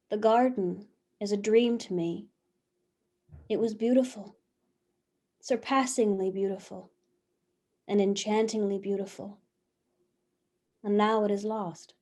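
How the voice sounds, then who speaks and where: A woman's voice: mid-range voice, dark tone. An actress playing Eve as a passionate young wife, speaking earnestly and lingering over her words over a video call. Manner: earnest, lingering, heartfelt delivery. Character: first woman, passionate devoted young wife. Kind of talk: theatrical reading of a one-act play.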